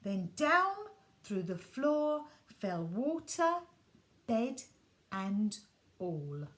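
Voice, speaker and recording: A woman reading a children's bedtime story aloud, gentle and expressive, sometimes dropping her voice soft. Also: mid-range voice, very slow.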